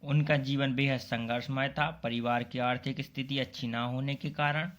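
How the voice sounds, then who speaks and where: A man's voice: mid-range voice, steady tone, normal speed, fairly bright tone. A man going through exam questions one by one, explaining the answers in plain, casual talk and speaking directly to students. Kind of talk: casual exam-prep lesson.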